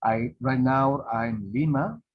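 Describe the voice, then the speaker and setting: Hesitant man, slow and breathy. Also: mid-range voice. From Peru. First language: Spanish. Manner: halting, hesitant, many restarts. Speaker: participant. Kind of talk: conversation on a video call. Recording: muffled lo-fi call audio.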